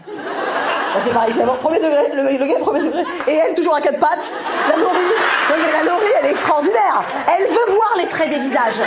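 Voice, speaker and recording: A woman stand-up comedian doing teasing, laughing crowd work with her audience on stage. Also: sits high. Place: comedy venue with a live audience. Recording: echoey live room, audience noise.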